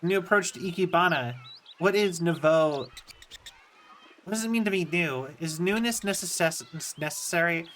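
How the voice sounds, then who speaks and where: A woman's voice: lowish voice, normal speed, fairly bright tone, a little hiss or hum, close to an everyday voice. A woman voicing pompous, flowery royal characters while reading video game dialogue aloud on a livestream. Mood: grand, theatrical. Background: game music.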